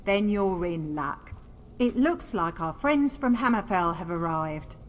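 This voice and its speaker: Game casting: actress as shrewd folksy female bookmaker, lively pitch, unhurried delivery. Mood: businesslike, announcing. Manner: folksy, plainspoken. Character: brisk shrewd female fight-pit bookmaker, daughter of a gambler. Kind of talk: fantasy video game character dialogue. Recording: hall reverb, faint noise.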